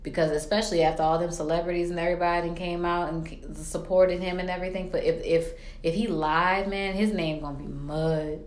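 A woman's voice: fairly low pitch, steady tone, brisk, hardly any pauses. A woman hosting a casual chat in a colloquial, rambling, quippy way. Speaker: podcast host. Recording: roomy echo.

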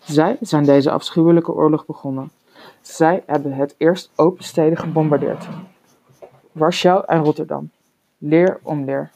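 Een kortaffe, strenge vader en burgemeester in een voorgelezen verhaal, gespeeld door een vrouw. Hij klinkt hard en zakelijk, met een donkere, krakerige stem. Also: female voice, sits low, steady tone, measured pace, creaky, mellow, a little hiss or hum, low-quality recording. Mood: harsh. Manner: hard and curt. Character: stern middle-aged male mayor, hard-spoken father.

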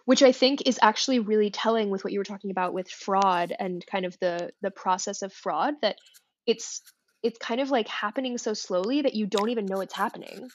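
A woman's voice: mid-range voice, a little fast, highs cut off. Thoughtful woman co-hosting a literary podcast. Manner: thoughtful, hedging, many restarts. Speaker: podcast co-host. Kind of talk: casual literary discussion.

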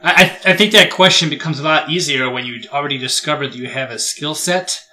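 A man's voice: a little high, fast talker, bright, forceful tone. A man hosting a podcast in a casual, agreeable and chatty way. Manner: agreeable, chatty, light laughter. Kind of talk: casual conversation.

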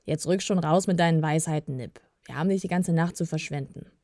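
A woman voicing a tired, stern male elf leader with a deep voice, in a storybook reading. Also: a little fast, warm tone, no echo, clean studio sound.

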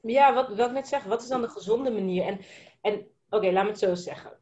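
A woman's voice: medium pitch, fairly quick, a little mellow. A woman hosting a casual podcast conversation, enthusiastic and mixing in English phrases as she talks. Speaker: podcast host. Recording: dull lo-fi sound.

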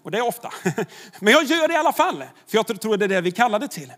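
A man's voice: sits high, big pitch swings, fairly bright tone. A man, a pastor, preaching a sermon in a conversational way, with rhetorical questions to the congregation.

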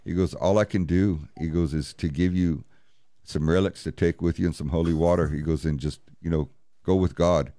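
A man's voice: low voice, fairly even intonation, moderate pace, dark tone, no room sound, clean studio sound. A man, a paranormal investigator, telling a story in an interview and bluntly acting out each exchange with "he goes" and "I said". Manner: blunt, profane, retells scenes with "he goes, I said".

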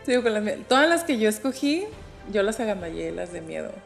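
A woman's voice: medium pitch, big pitch swings, fast talker, vocal fry, faint music behind. A woman co-hosting a podcast, chatting casually with short reactions. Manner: brief reactive interjections. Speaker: podcast co-host. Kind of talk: casual chat.

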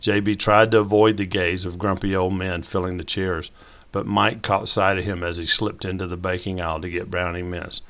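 A man narrates a novel. His voice is deep and his telling folksy and measured. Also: level tone, a bit bright. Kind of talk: audiobook narration.

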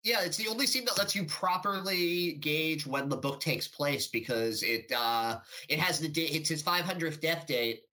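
A man's voice: on the high side, expressive, moderate pace, hardly any pauses, bright, forceful tone. A young man guest on a podcast, tossing in dry, nerdy trivia asides in casual chat.

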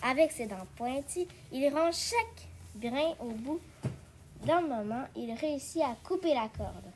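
Woman narrator for a fable read-aloud, steady and clear, high voice, faint hum behind. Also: measured pace.

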